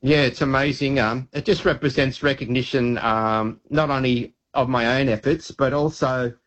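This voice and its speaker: A man in his fifties with an Australian accent, a guest on a radio show talking earnestly, halting often with fillers. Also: medium pitch, steady tone, a bit bright, muffled recording. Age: 50s. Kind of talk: casual radio chat.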